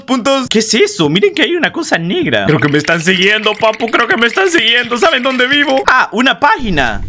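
A young man giving casual gameplay commentary, excitable, yelping and laughing often. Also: high-pitched, slight background noise. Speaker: gaming streamer.

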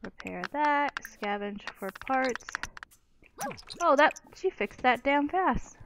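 Swearing freely, a young let's play gamer gives casual, exclamatory commentary on a life-sim game. Her voice is high-pitched with lively intonation and a slow pace, and there's background noise.

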